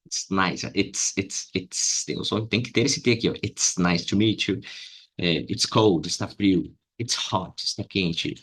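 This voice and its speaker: A man teaching English with a Brazilian Portuguese accent, explaining slowly and repeating example phrases to his students. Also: low voice, fairly bright tone, husky. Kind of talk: casual lesson to camera.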